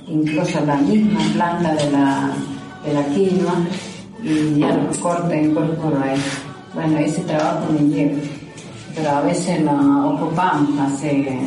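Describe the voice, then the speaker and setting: A woman farmer describing her work in a plain, rambling way, correcting herself as she goes. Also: deep voice. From Argentina. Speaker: farmer interviewee. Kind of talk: recorded interview testimony. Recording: echoey distant field recording with music under.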